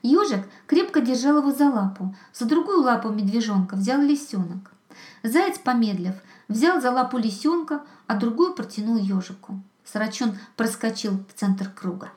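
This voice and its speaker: Female storyteller, slightly high voice, echoey room. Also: big pitch swings, moderate pace, darkish tone. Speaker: narrator. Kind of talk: storybook reading.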